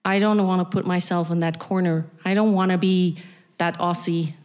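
A middle-aged East Berlin woman with a German accent delivers a deliberate spoken-word monologue directly to the listener. Her voice is on the low side and darkish, with fairly even intonation.

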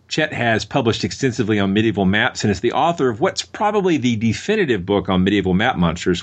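A man hosting a science podcast in a bright, curious manner, moving between scripted introductions and casual chat. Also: on the low side. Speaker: podcast host.

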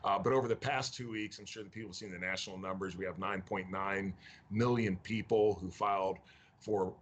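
A man with a fairly low voice speaks as a county mayor from Tennessee over a video call. He talks in a measured way, pausing often on fillers. A faint hiss of noise sits under the call. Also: steady tone. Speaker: county mayor, interview guest.

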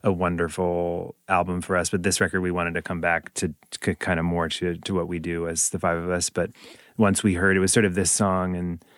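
A man's voice: sits low, level tone, brisk, a bit bright, dry recording, studio quality. A man talking casually in an interview as a band member, explaining things in loose, conversational phrasing.

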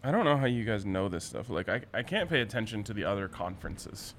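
A man's voice: fairly low pitch, animated, quick pace, a bit bright, a little hiss or hum. A man hosting a sports betting show in a casual, chatty style.

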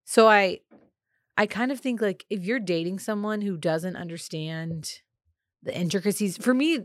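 A woman's voice: medium pitch, moderate pace, dry recording, studio quality. A woman co-hosting a casual advice podcast, chatty and opinionated, with many filler words. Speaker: podcast co-host.

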